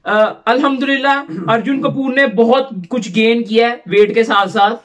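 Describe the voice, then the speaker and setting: A man's voice: very high-pitched, fairly even intonation, moderate pace, a bit bright. A man from Pakistan hosting a reaction channel, chatting casually and rambling as he drops English phrases into his talk. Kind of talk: casual chat reacting to a film trailer.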